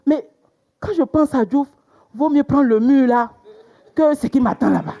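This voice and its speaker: A young woman performing a stand-up comedy routine, telling stories with sudden loud exclamations. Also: sits high, unhurried. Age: young adult.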